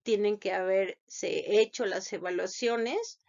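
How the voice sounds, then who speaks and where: A woman who has sat on thesis juries gives an unscripted lecture, halting often with fillers and restarts. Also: mid-range voice, creaky, a little mellow. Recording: dull lo-fi sound.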